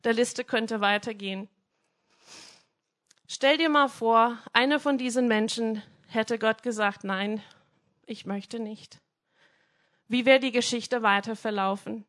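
A woman gives a casual devotional talk, retelling Bible stories in lively, colloquial speech. Her voice sits somewhat high. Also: a little slow. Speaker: preacher.

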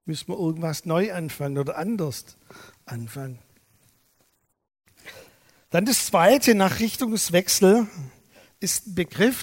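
A man preaching a sermon, telling stories lively and acting out the dialogue. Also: a little high, in a large hall. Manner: lively storytelling, acts out dialogue. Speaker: pastor.

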